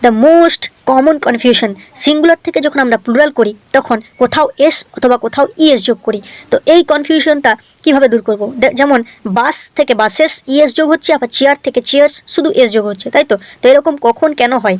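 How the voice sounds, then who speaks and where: A woman teaching English spelling in a scripted video lesson, explaining briskly and often checking in with the viewer. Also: high voice, no room sound.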